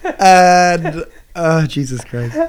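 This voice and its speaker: A man's voice: fairly high pitch, expressive, extremely slow, clear, resonant tone. A young man co-hosting a podcast that teaches English through casual chat. He rambles, corrects himself mid-sentence and laughs often. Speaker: podcast co-host.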